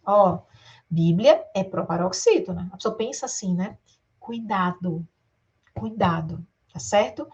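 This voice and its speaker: A woman with a husky, darkish mid-range voice and a Brazilian accent teaches exam-prep grammar at a measured pace. The sound is lo-fi, and she lengthens words syllable by syllable while addressing students directly with rhetorical questions.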